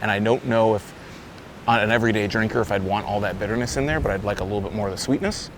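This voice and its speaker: A man with a lowish voice and a fast way of talking reviews a beer casually outdoors. He rambles loosely and corrects himself as he speaks. It's windy, and wind noise is present.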